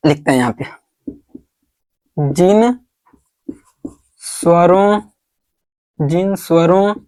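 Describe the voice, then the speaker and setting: A man teaching at the board at an unhurried, deliberate pace. He poses questions to his students and answers them himself. He repeats each word slowly as he writes it out. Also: sits high, darkish tone. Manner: repeats words slowly while writing on the board. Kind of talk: board lesson.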